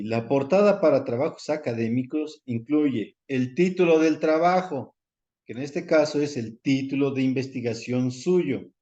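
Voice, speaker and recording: A man's voice: a little high, dark tone, muffled recording. A man, lecturing a university class over a video call and repeating the key points. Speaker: university professor.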